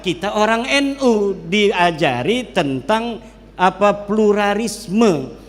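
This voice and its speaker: Man, cleric lecturing in a large hall, high voice, joking, long hall echo. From Banten, Indonesia. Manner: joking, lively, drops into regional dialects. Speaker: Islamic cleric speaking at a public gathering. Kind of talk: public religious lecture.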